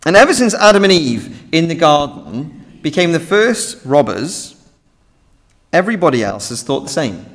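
A young British man delivers a sermon from a lectern, earnest and emphatic. His voice sits fairly high for a man and moves freely up and down, with a long reverb trailing each phrase through the hall. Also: moderate pace. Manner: earnest, emphatic, expressive preaching. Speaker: preacher. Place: large church hall with audience. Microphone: standing at a lectern, lectern mic.

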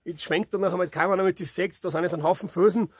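A Lower Bavarian man in his thirties, with a Bavarian accent, hosts a hiking vlog, chatting and sharing opinions to a handheld camera held at arm's length as he walks a rocky forest trail in winter. His high-sitting voice is steady in tone with a breathy edge, he talks at a racing pace, and there's no echo.

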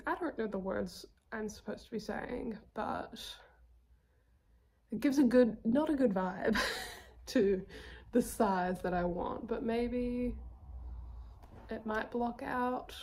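A young woman with a southern New Zealand accent, chatting casually about her knitting projects, self-deprecating and quick to laugh. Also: a little high, dark tone. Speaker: knitting podcast host.

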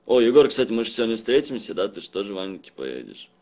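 A young man chatting casually on a livestream in rough, swear-heavy street slang, rambling and halting as he goes. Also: lowish voice, big pitch swings, a little mellow. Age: young adult. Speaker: live streamer. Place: small indoor room at home. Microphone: phone at arm's length.

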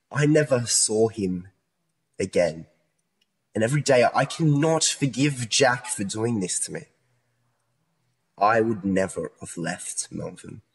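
A man with a lowish, breathy voice performs in a modern radio play, heavily acted. He plays a distressed, earnest young man pleading that he's innocent because of a split personality.

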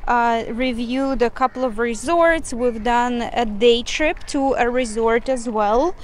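A woman's voice: fairly high pitch, slow, slight background noise. Chatty woman on a walking tour. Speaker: travel vlogger. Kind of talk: casual walking tour chat. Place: outdoors on a hot island street.

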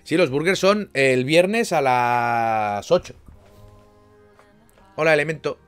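A young man from chatting casually with viewers on a live stream, rambling with lots of restarts and sudden loud bursts. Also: fairly high pitch, slow pace, smooth, soft background music.

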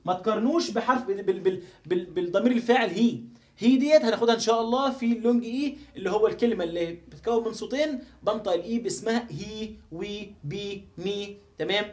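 A man's voice: high voice, very fast. A man with an Egyptian accent teaching a live online English phonics lesson, repeating sounds and phrases again and again as he drills pronunciation. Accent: Egyptian Arabic. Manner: repetitive, drills pronunciation over and over.

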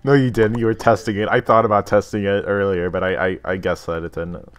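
Lower-voiced young man stammering through a game. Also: steady tone, brisk. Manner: hesitant, stammers and repeats words. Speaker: gamer. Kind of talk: casual gaming chat.

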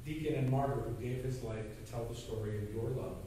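A man leading liturgical prayer in a solemn, measured cadence, with a cathedral echo. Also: mid-range voice, steady tone. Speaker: pastor leading worship. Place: church sanctuary. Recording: echoey sanctuary from far off, with noise.

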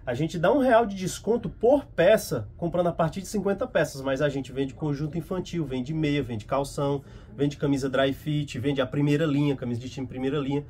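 Vendor guy at a market stall, kinda high voice, explaining prices and discounts, faint market noise behind. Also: brisk, darkish tone. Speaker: clothing vendor. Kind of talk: sales pitch.

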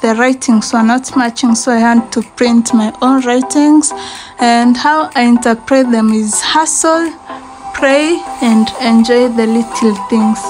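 A woman's voice: on the high side, fairly even intonation, unhurried, over music, poor audio. A young Kenyan woman giving a chatty house tour, filmed on a handheld phone in her small apartment. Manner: chatty, mixes in Swahili phrases. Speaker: vlogger. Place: small apartment bathroom and bedsitter, indoors. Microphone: phone camera held in hand.

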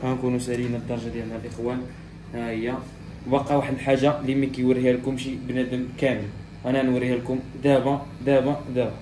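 A man's voice: medium pitch, level tone, rapid-fire, echoey room, background noise. A man with a Moroccan accent, a barber who explains a haircut step by step and repeats each step to his viewers. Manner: instructive, repeats steps, talks straight to viewers. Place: barbershop salon.

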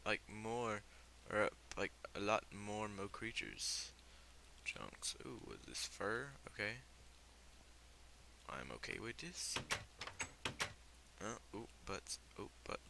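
A man's voice: lowish voice, creaky, bright, forceful tone, a little hiss or hum. Rambling sick young gamer guy. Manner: rambling, filler-heavy, easily startled. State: sick with fever. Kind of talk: casual game commentary.

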